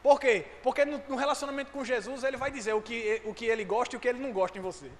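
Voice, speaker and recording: A man preaching a sermon, fervent and at times rising to shouts. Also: very high-pitched, fairly even intonation, very fast. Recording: echoey hall with faint noise.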